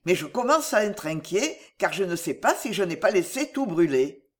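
A reader voicing a courteous bearded colonel who speaks politely and with gentle amusement. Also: medium pitch, sing-song, normal speed, lightly acted.

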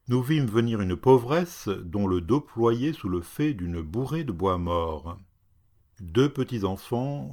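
Slow-reading male storyteller. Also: on the low side. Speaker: narrator.

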